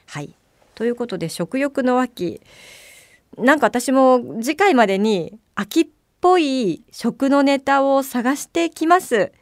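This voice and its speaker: A woman hosts a late-night radio talk show in the role of a bar mama, chatty and playful with drawn-out fillers. Her voice is high-pitched and animated, recorded in studio quality with no echo.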